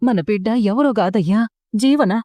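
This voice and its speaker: A woman's voice: medium pitch, expressive, normal speed, warm tone, dry recording, close to an everyday voice. A woman voicing a worried village mother with a Telangana accent, pleading and urgent in a serial recap. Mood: earnest. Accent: Telangana Telugu.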